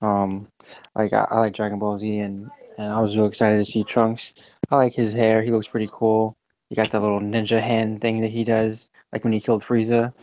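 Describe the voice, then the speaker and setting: A man in a casual gaming podcast, hesitant and filling pauses with "um" and "like". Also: fairly low pitch, completely flat delivery, a little mellow. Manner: hesitant, lots of "um" and "like". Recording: dull lo-fi mic.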